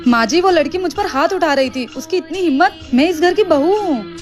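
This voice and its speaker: A woman's voice: extremely high pitch, lively intonation, a little fast. A woman playing a daughter-in-law in a family drama, speaking firmly and defiantly. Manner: defiant, firm. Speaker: actress in short family drama. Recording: music bed behind the voice.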